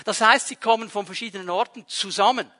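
A man preaching a sermon to his congregation in a lively, conversational way, asking rhetorical questions. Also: sits high, fast. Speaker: pastor. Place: church hall with a congregation.

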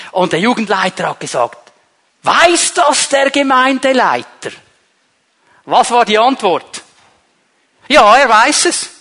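A man's voice: mid-range voice, a bit bright. A man preaching a sermon to a congregation, emphatic and repeating key phrases. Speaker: pastor. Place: church.

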